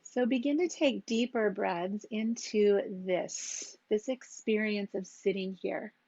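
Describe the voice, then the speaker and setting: A woman teaching a yoga class, giving calm and gentle cues for breath and posture with long pauses. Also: mid-range voice, gravelly, no echo, dull audio. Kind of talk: guided yoga and meditation instruction.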